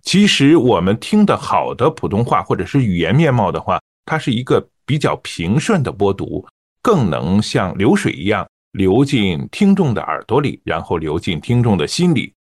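Calm male reading coach, dry studio voice. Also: fairly low pitch, husky, no room sound. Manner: calm, measured explaining with light fillers. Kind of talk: teaching on-air reading technique.

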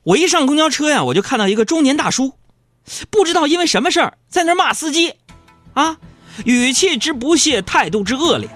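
Give me a man telling funny stories as radio host, with a lively, bright voice. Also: very high voice, a little fast, no room sound, faint music behind. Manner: storytelling, lively and bantering. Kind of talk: comic monologue.

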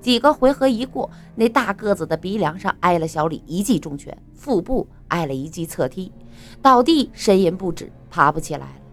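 Expressive woman narrating a story. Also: lowish voice, normal speed, soft background music. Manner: expressive, dramatic.

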